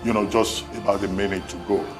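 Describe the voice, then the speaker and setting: A man's voice: fairly low pitch, flat delivery, brisk, over music. A male TV news anchor politely cutting in to steer the interview.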